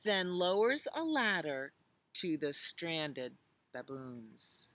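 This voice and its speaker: Reading a picture book to young children outdoors in a leafy garden, this American children's librarian in her sixties paces herself slowly and adds chatty asides. Her voice is low and sing-song with a bright, forward tone, and she keeps things simple and explanatory, asking the young listeners questions.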